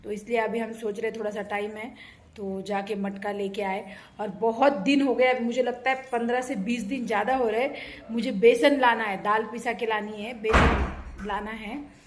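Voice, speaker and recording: A woman in her thirties narrating a family outing in a chatty, storytelling vlog style, pausing often with fillers. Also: on the high side, steady tone, slight background noise. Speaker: family vlogger.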